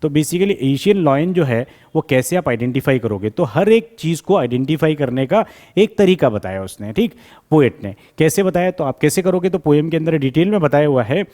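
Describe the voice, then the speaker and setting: Man giving a slow, drawn-out revision lesson. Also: on the high side, expressive, warm tone. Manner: switches between Hindi and English, reads English lines slowly and deliberately; checks in often with students, calls them "beta". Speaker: English teacher.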